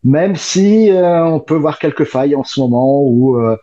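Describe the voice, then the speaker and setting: A man joins a podcast as a guest, speaking in a dark, mellow voice. He talks haltingly with many fillers, and his sound comes through dull and lo-fi. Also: on the high side, expressive. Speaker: guest cycling journalist. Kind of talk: casual podcast chat.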